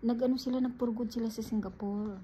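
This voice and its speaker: A woman's voice: a little high, quick pace. A woman from the Philippines casually telling viewers about her life, talking to them as guys. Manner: animated, addresses viewers as guys. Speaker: vlogger. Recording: dull lo-fi audio with faint ambient noise.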